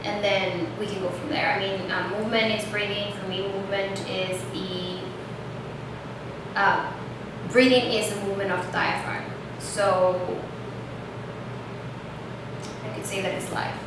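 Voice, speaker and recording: A woman from El Salvador, a yoga instructor and dancer, talking as a guest in a casual conversation and pausing thoughtfully to find her words. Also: mid-range voice, fairly even intonation. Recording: echoey room, distant mic, noisy.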